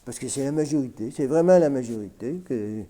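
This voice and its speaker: A man's voice: mid-range voice, animated, fairly quick, warm tone. A man with a Québécois French accent rambling casually in an unedited vlog, full of fillers like "hein" and "man". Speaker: vlogger. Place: at home, smoking on camera.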